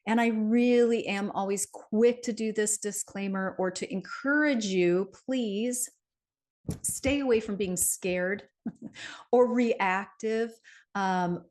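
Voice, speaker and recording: A woman's voice: mid-range voice, a little mellow. A middle-aged woman giving a casual monthly numerology forecast, chatty, with many fillers and tag questions. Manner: chatty, frequent "right?" and fillers, light laughs.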